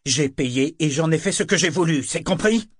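A man voicing a volatile, proud male pirate captain who shouts threats. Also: on the high side, expressive, normal speed, breathy edge, no room sound, clean studio sound, pitched above the performer's own voice. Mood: shouting. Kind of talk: audiobook character voice.

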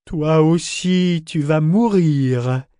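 A man voicing an impatient, hot-tempered male living ship who shouts and blusters. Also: fairly high pitch, very slow, clear, resonant tone, dry recording, clean studio sound. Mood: gloating. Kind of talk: audiobook character reading.

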